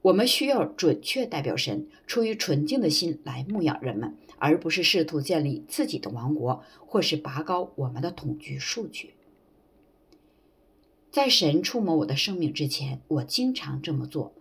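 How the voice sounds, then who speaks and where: Woman, sermon, husky voice, wide-ranging pitch, earnest preaching, cites scripture. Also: very animated, normal speed. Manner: earnest, citing scripture references.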